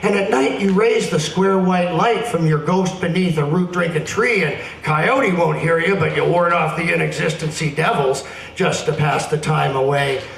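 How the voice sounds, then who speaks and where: A man gives a playful, dramatic spoken-word performance in a casual live setting, animatedly reading poetry with casual introductions in between. His voice is fairly high, gravelly and a bit bright, at a moderate pace. The distant mic sounds roomy with faint noise.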